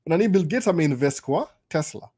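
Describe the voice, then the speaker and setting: Fast-talking Kenyan man on a live stream. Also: on the high side, lively intonation, mellow, slightly rough. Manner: mixes Swahili and English, stammers and restarts. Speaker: host.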